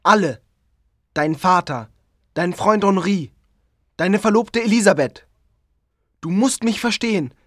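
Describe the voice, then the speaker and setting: An actor voicing a lonely, pleading creature in a storybook audio drama, speaking slowly and sorrowfully. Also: mid-range voice, expressive, a bit bright, dry recording, clean studio sound. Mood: urgent. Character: lonely, pleading giant creature made by a scientist. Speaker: narrator of his own story.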